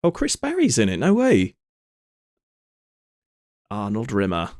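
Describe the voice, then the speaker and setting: A man's voice: lowish voice, huge pitch swings, a little slow, a little mellow, dry recording, studio quality. A man streaming live, rambling through joking asides as he watches a clip. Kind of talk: casual live-stream commentary.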